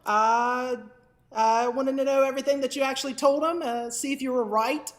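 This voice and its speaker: High-pitched, cheeky kids' puppet, voiced by a woman. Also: steady tone, normal speed, lightly acted. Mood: stammering, questioning. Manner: stammering, cheeky. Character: cheeky, whiny, vain talking pill-bottle puppet named Rex. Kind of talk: puppet character in a children's educational show.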